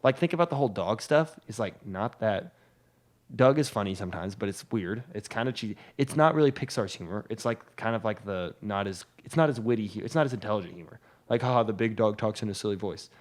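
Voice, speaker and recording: A man's voice: fairly low pitch, expressive, quick pace. A young man co-hosting a podcast, chatting casually and laying out his opinions in a matter-of-fact way. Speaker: podcast co-host. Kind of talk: casual chat.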